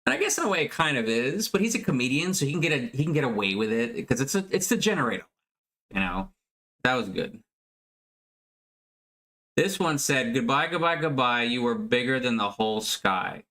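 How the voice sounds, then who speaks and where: A man streaming, chatting casually and thinking out loud as he reacts to a clip. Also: medium pitch, sing-song, brisk. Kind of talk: casual chat.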